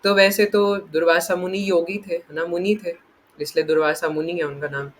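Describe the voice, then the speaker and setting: A man giving an animated scripture discourse, often asking "right?" and laughing as he explains. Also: a little high, moderate pace. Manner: animated, acts out quotes, frequent tag questions; playful, laughs while explaining. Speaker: spiritual teacher.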